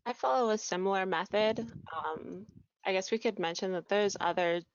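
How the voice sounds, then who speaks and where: A woman support specialist explaining on a webinar, hesitant with many pauses and ums. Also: medium pitch, muffled recording, a little hiss or hum.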